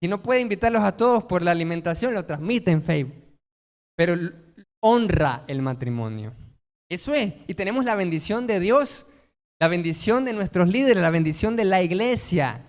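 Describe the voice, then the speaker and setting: A man's voice: sits high, animated, moderate pace, big-room sound. A man preaching a sermon as pastor, emphatic, posing rhetorical questions and answering them himself.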